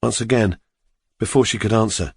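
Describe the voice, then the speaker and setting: A man narrating an audiobook in the first person, steady and measured. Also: lowish voice, creaky, husky, no room sound.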